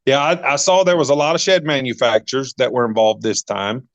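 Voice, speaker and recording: A man's voice: a little fast, no room sound, highs cut off. Chatty man hosting a podcast. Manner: chatty, many ums, repeats words, pitch jumps up when excited. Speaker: podcast host. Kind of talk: casual interview chat.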